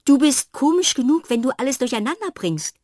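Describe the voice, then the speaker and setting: A woman voicing a curious, cheerful young girl in a storybook, her voice lifted higher and lively. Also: brisk, no room sound, studio quality. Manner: bright and lively, sometimes whispering.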